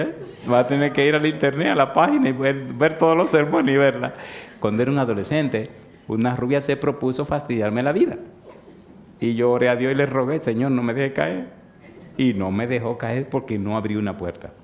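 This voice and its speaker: A man's voice: medium pitch, a little mellow, slight background noise. A man in his fifties preaching a sermon, telling stories playfully and asking the congregation questions. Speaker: pastor.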